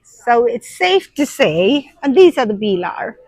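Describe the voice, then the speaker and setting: This woman's voice sits on the high side with big pitch swings and a darkish tone, and she's unhurried. In her thirties, from Sri Lanka and working as a nursery teacher, she explains things in a chatty airport vlog to camera amid busy shops and seating, saying um often, with no room sound.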